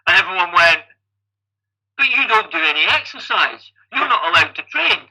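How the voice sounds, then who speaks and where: In a casual interview, a Scottish guest athlete and coach in his fifties chats through stories, frequently repeating the first word of his sentences. His high-pitched voice is sing-song, bright and forceful with a breathy edge, at normal speed, and the audio is poor.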